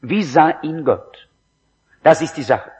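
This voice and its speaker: A man preaching a sermon, slow and emphatic, his voice rising in exclamations. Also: on the high side, a little mellow, slightly rough. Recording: dull lo-fi recording.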